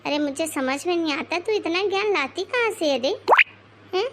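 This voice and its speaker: A woman voicing a bossy, sarcastic mother-in-law in her forties in an animated moral story, scolding and mocking. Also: very high-pitched, moderate pace, slight background noise. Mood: taunting.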